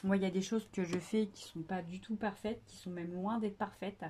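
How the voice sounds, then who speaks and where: A woman's voice: medium pitch, fairly even intonation, fairly quick, dark tone, husky. A woman hosting a casual scrapbooking tutorial, chatty and hesitant with many fillers, joking about herself.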